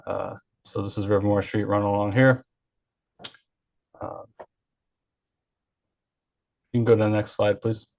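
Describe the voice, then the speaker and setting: A man's voice: on the low side, flat delivery, measured pace, vocal fry, pauses often, darkish tone. A man, an engineer, giving a formal project presentation at a public hearing over an online video call. He speaks hesitantly, with many "uh" fillers. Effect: heard over an online video call. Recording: dull lo-fi call audio.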